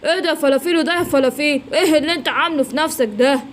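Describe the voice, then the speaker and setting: A boastful, protective lion king of the jungle, as a woman puts him on in a children's storybook reading. The Egyptian accent is plain, and he talks fast and high. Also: slight background noise, close to an everyday voice. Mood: proud. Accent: Egyptian Arabic.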